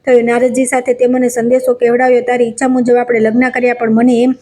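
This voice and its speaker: A woman reading the lines of Lord Krishna, a calm divine husband gently reproaching his wife, in a quick, level, measured voice. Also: a little high, natural voice. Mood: reproachful.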